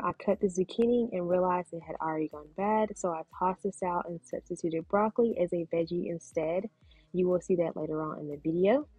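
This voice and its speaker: A woman narrating her cooking video in voice-over, calmly explaining each step. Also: lowish voice, breathy edge, no echo. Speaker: cooking vlogger.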